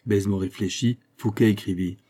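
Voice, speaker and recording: Husky low-voiced male audiobook narrator. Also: fairly even intonation, normal speed, warm tone.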